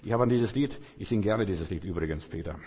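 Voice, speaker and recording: A man's voice: low-pitched, fast talker, dark tone, breathy edge. A man preaching a sermon, emphatic and repetitive, stacking long lists of phrases. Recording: long hall reverb.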